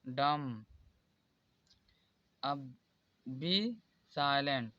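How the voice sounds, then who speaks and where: A man teaching English spelling rules in a slow, repetitive way and pointing out examples one by one. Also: medium pitch, animated, bright, forceful tone, dry recording, muffled recording. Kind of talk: explaining spelling rules in Hindi.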